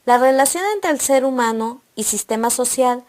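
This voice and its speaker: A woman narrating a scripted educational lesson, reading points aloud in a steady, listing manner. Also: sits high, moderate pace. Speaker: presenter of an educational video.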